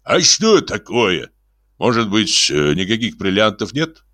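A man playing an anxious fawning old gentleman. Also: lowish voice, big pitch swings, measured pace, no echo, exaggerated voice. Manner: hesitant, ingratiating. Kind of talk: audiobook character voice.

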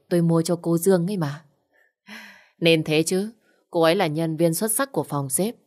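A woman narrating a first-person story and reading every character's lines in her own voice. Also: low-pitched.

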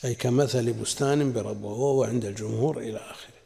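A man teaching a religious commentary lesson, deliberate and earnest with colloquial asides. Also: mid-range voice, steady tone, creaky, warm tone. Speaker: sheikh teaching a Quran commentary class. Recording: long hall reverb.

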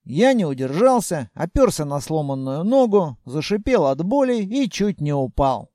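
A man narrating a fantasy audiobook in the first person, wry and animated. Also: on the high side, normal speed, no room sound, clean studio sound.

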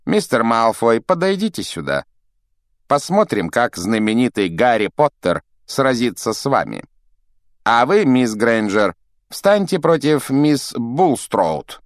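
A cold, sneering potions master, as a male storyteller voices him, clipped and contemptuous. The delivery is dry and close, with a lively lilt. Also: medium pitch, slow pace, dry recording, pitched above the performer's own voice.

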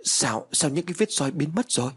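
A man's voice: a little high, expressive, a little fast, breathy edge, pitched above the performer's own voice. A man voicing an anxious middle-aged mother crying out in alarm in a storybook tale. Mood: shocked. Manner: panicked, pleading.

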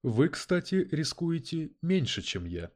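A man's voice: a little high, very animated, slow, pitched above the performer's own voice. A man voicing a prim, coldly logical male detective android who speaks in an oddly mechanical, lecturing way. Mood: cool challenge. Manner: precise, lecturing, unflappable.

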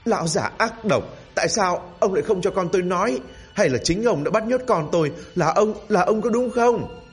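A man voicing a grieving middle-aged mother who wails and scolds through tears, slightly husky. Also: expressive, moderate pace, soft background music, full character voice. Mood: wailing, accusing. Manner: crying, scolding, shrill.

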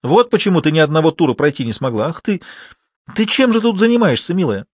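A man voicing a loud scolding provincial mother. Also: fairly high pitch, expressive, fast, husky, no echo, pitched above the performer's own voice. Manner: scolding and lamenting. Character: stern heavyset mother, loud, scolding, wailing.

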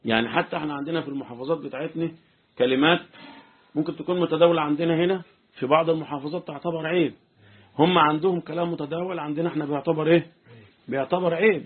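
An Egyptian sheikh gives a fast, chatty religious lesson, often checking that his listeners follow. His voice is slightly husky. The sound is thin and phone-like. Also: fairly high pitch. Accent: Egyptian Arabic. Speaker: sheikh teaching Quran commentary. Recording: tinny phone-like lo-fi recording.

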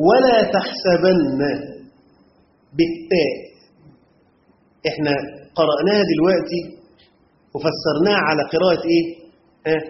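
A man with an Egyptian accent teaching a classroom lesson on Quran commentary grammar, constantly checking whether his students follow. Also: fairly high pitch. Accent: Egyptian Arabic. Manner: quizzes the class with rhetorical checks. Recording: roomy, dull lo-fi room recording with faint noise.

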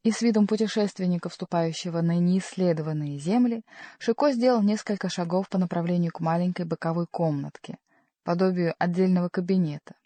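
A woman narrating a classic novel as an audiobook reader, in a measured, expressive reading. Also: lowish voice, no room sound. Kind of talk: scripted narration.

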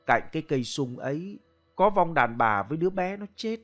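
A man's voice: a little high, lively intonation, brisk, a bit bright, faint music behind. A man voicing a stern female village shaman who hisses and scolds. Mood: scolding. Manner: hissing, scolding.

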